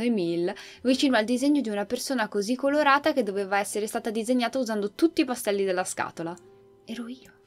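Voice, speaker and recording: A woman who runs a gaming channel reads a game's story aloud, telling it expressively. Her voice is mid-range.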